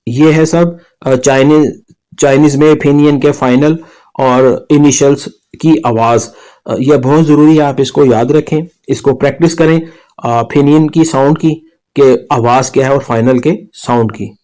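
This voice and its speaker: A man's voice: mid-range voice, fairly even intonation, unhurried, warm tone. A man, patiently explaining a language lesson step by step over slides. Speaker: language teacher. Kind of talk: slide-based video lesson.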